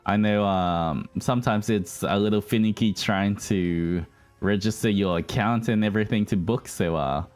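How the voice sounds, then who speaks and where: This male virtual streamer has a lowish, slightly mellow voice and talks at a normal speed. During his livestream, set to background music, he chats casually and rambles to viewers he calls guys.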